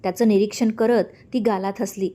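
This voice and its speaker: Woman story narrator, warm, mellow tone, calm steady reading. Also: medium pitch, a little fast.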